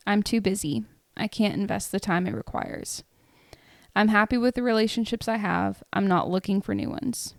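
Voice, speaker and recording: Woman, podcast co-host, reads aloud, leads the chat, mid pitch, dry close sound. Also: vocal fry, dry recording. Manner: reads passages aloud, laughs often. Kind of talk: casual faith-based book discussion.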